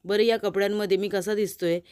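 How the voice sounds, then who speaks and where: A woman's voice: mid-range voice, fairly even intonation, brisk, darkish tone, clear, resonant tone, close to an everyday voice. A woman voicing a humble, hungry poor old man in a serial recap.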